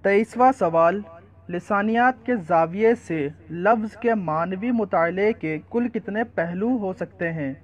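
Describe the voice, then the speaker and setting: A man's voice: high-pitched, rough recording. A man reading out multiple-choice quiz questions and then stating each correct answer. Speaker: quiz presenter.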